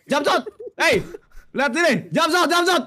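Seorang pria yang ikut bermain peran dalam game Minecraft, bicara santai sambil berseru dan tertawa. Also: male voice, very high-pitched, moderate pace, pushed and bright, slight background noise. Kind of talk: Minecraft role-play with friends.

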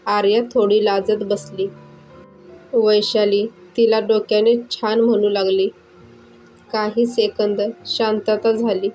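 A woman's voice: mid-range voice, darkish tone, rough recording. A woman narrating a scripted romance story, reading every character's lines in her own plain voice.

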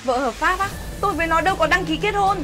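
A woman's voice: very high-pitched, animated, quick pace. A woman acting a scornful, arrogant young wife who betrays her husband, in a web skit drama. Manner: sneering, arrogant. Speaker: actor. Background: background music.

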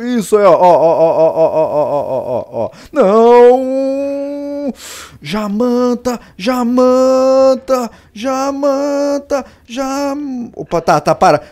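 Raging Brazilian gamer, high and lively. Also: male voice. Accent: Brazilian Portuguese. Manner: raging, frustrated, swings from muttering to shouting. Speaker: gaming youtuber. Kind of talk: let's play commentary.

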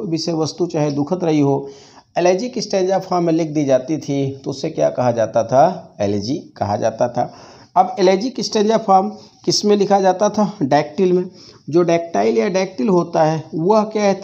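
A man's voice: sits high, gravelly, dark tone. A man teaching English literature in a classroom lecture, mixing Hindi and English and answering his own questions. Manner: dictates slowly, repeating key phrases. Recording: dull lo-fi classroom recording.

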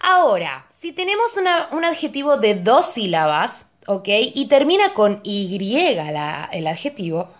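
A woman's voice: medium pitch, very animated. Patient bilingual woman teaching grammar. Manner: patient, explains slowly, often checks with "ok?". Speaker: English teacher.

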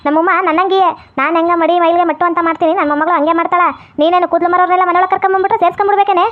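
A woman voicing a deaf, cranky old grandmother who scolds fast and holds to strict customs, in a comedy skit. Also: level tone. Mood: scolding. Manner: scolding, shrill and quick. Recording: tinny phone-like sound.

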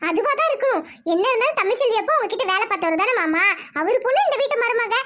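A woman's voice: very high voice, lively intonation, quick pace, a bit bright. A woman voicing a jealous, scheming village woman who gloats over the family's trouble. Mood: gloating. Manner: gloating, sly.

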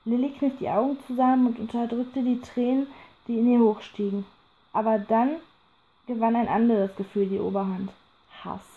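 A woman narrating a horror audiobook in a calm, measured storytelling voice. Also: a little high, narrow, tinny audio.

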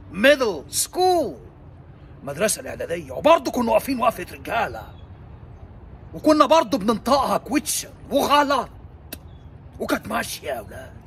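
Theatrical Egyptian English teacher. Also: male voice, high voice, creaky, slight background noise. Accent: Egyptian Arabic. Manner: theatrical, swings between shouting and whispering. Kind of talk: animated language lesson.

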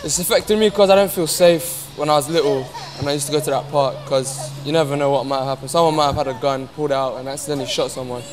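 A man's voice: on the high side, fast, hardly any pauses. A teenage boy answering interview questions casually outdoors on an estate. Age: teens. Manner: casual, chatty with fillers. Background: background music.

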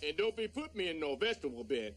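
A man's voice: on the high side, big pitch swings, fast, heavy background noise. A man voicing a streetwise, cocky talking food item in a fridge, in a TV sitcom.

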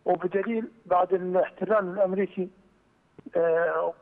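A man's voice: high voice, fairly even intonation. A man from Iraq with an Iraqi accent, calling in over a headset phone line to argue his point earnestly. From Iraq, Kirkuk. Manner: earnest, argumentative, fast. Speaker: caller. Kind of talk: call-in political comment. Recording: thin phone line, distant, reverberant.

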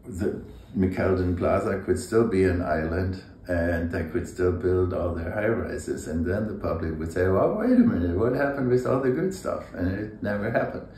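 Very deep-voiced older man, roomy sound. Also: mellow. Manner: thoughtful, measured, occasional hesitations. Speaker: architect and urban planner, interview guest. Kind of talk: conversational interview. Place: indoor room with brick walls. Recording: roomy echo, faint background hum.

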